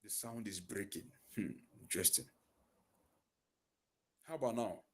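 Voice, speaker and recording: Over a headset on a video call, this man teaches an online physics lesson in a fairly low, expressive voice with a breathy edge. His pace is a little slow, and he poses leading questions only to fill in the answers himself.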